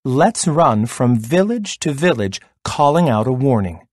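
A man's voice: mid-range voice, very animated, unhurried, a little mellow, dry recording, clean studio sound. A man doing small silly Mister Bird. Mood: eager.

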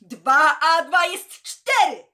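A woman reading aloud voices a stubborn male constructor who shouts back in defiance. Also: sits high, expressive, slow, voice pushed up, full character voice. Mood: furious.

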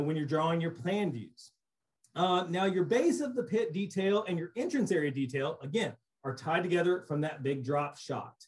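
A middle-aged man giving a relaxed recorded slideshow lecture on cave surveying over a webcam, explaining casually with frequent restarts. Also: high-pitched. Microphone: webcam on a video call.

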